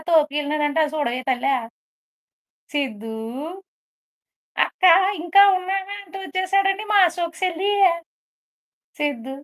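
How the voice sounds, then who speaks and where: A woman's voice: high voice, a bit bright. A woman doing a gossipy village busybody. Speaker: live stream entertainer. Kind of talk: comic character monologue on a live stream.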